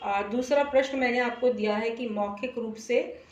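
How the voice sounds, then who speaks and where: A woman teaching a Hindi grammar lesson, explaining deliberately with frequent filler phrases and reciting verse examples slowly. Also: a little high, highs cut off. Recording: roomy, distant mic.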